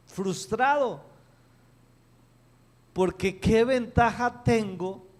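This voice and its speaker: A man voicing his young adult son, a frustrated student, in a high, strained, pleading voice.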